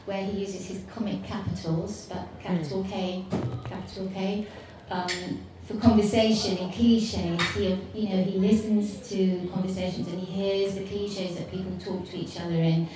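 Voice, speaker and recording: A woman's voice: mid-range voice, level tone, moderate pace, hardly any pauses. Rambling, enthusiastic woman, echoey room. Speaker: book club panelist. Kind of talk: casual discussion. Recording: echoey room, mic far off, faint noise.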